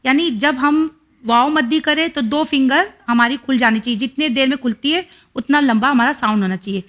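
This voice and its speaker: A woman with a fairly high voice teaches a children's reading lesson. She speaks patiently and drags each syllable out slowly, repeating it so listeners can copy the length. Her explanations move step by step. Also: fairly bright tone. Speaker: Quran reading teacher and host.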